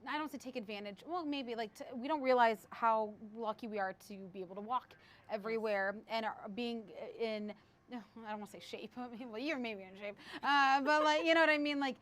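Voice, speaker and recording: A woman's voice: fairly high pitch, fairly quick, a bit bright. Chatty woman TV host. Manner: chatty, rambling, laughs often. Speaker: TV show host previewing segments. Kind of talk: casual on-air chat.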